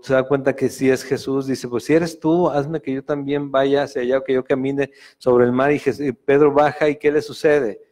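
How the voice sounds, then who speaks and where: A man's voice: medium pitch, darkish tone. A man with a Mexican Spanish accent giving a Sunday Bible study sermon, speaking conversationally with frequent fillers and self-corrections. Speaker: pastor. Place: church meeting room.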